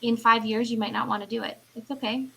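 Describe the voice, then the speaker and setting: Bright-voiced woman in her thirties, earnest. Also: fairly high pitch, steady tone, quick pace, vocal fry, poor audio. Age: 30s. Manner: earnest, rambling with many "like" and "you know". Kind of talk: casual chat.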